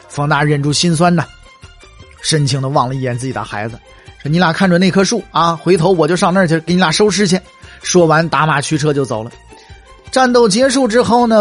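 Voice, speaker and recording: A man, telling history as humorous, chatty storytelling with wry asides. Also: a little high.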